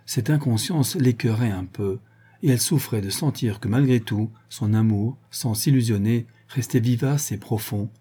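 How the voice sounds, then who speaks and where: A man reading a novel aloud in a measured, even storytelling manner. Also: mid-range voice, slightly rough. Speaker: audiobook reader. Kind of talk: scripted novel narration.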